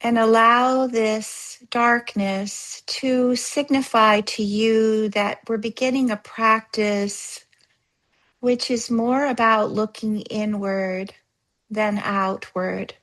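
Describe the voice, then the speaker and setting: A woman working as a yoga therapist guides a yoga nidra practice, instructing gently and soothingly at an unhurried pace with pauses. Her voice sits a little high with a steady tone, and the audio quality is poor.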